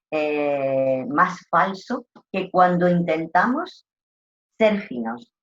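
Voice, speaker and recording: A woman with an Andalusian accent, a talkative trainer giving a lively lecture on customer service and repeating her points. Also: fairly low pitch, highs cut off. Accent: Andalusian Spanish. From Andalusia, Spain. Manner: talkative, animated teacher, repeats herself. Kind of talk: online lecture.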